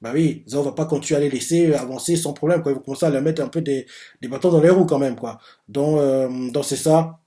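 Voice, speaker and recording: A man's voice: mid-range voice, fairly quick, mellow. A man casually recapping a manga chapter, rambling and leaning heavily on filler words. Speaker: manga reviewer.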